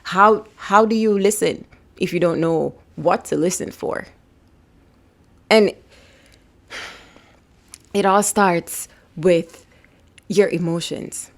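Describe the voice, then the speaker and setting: A woman's voice: lowish voice, takes it slowly, long pauses. A young woman giving a casual self-help talk to camera, emphatic and repetitive, sometimes dropping to a whisper. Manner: emphatic, repetitive, drops to a whisper when voicing the body. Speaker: vlogger.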